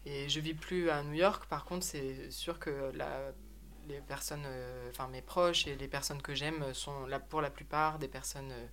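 Interpreter, woman, low and monotone delivery, halting with euhs as she renders each answer. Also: slight background noise. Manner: hesitant, many euhs and self-corrections. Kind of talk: consecutive interpreting into French.

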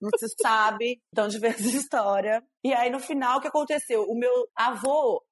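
A woman casually telling a family story, animated and often laughing as she talks. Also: fairly high pitch, normal speed. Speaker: storyteller guest.

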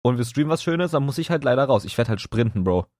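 A man's voice: medium pitch, lively intonation, a little mellow, no room sound, clean studio sound. A young man, a podcast co-host and streamer, joking about himself in casual chat. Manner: fast, joking and self-mocking.

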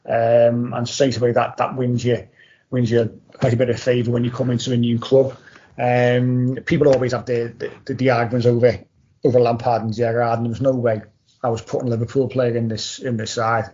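A man's voice: mid-range voice, level tone, fairly quick, mellow. A man giving casual, emphatic football opinions as a panellist, repeating words for stress. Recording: dull lo-fi audio.

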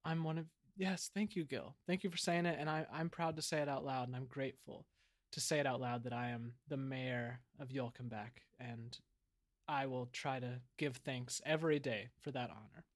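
In an improvised audio comedy, a man plays an earnest, grandiose small-town island mayor, speaking with mock-solemn sincerity in a solemn, grateful mood. His delivery is halting, rambling, and sincere, with drawn-out words. His medium-pitched voice has fairly even intonation and sounds close to an everyday voice.

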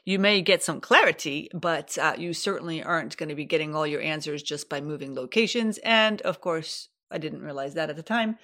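A woman's voice: sits low, brisk, hardly any pauses, bright, forceful tone. A Swedish-born woman in her forties telling her own story on a solo podcast, candid, acting out her own quotes, with a morning throat. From Sweden. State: morning throat, sipping coffee. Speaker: podcast host.

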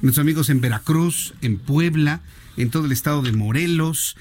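Mexican male radio host, slightly high voice, playful banter and shout-outs. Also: normal speed. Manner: playful, joking, reads out listener greetings. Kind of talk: casual radio chat.

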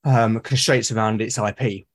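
With a lowish voice, steady tone and moderate pace, this British guest, an artist and podcaster, chats casually in an interview. He sounds hesitant and often doubles up on words as he begins sentences.

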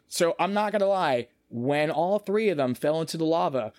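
A man hosting a casual podcast chat, talking in an animated way and often repeating words as he gathers his thoughts. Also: on the high side, normal speed, no room sound, clean studio sound.

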